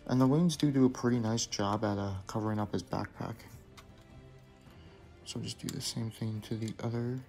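A young man's fairly low, gravelly, mellow voice holds a steady tone at a moderate pace as he casually shows off a toy he built. In an indoor basement room with background music, he gives step-by-step directions with small asides and self-corrections.

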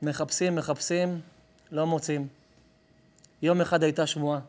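A man's voice: on the high side, level tone, darkish tone. A rabbi giving a live sermon, telling a story with emphasis and calling to his listeners directly. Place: live lesson before an audience.

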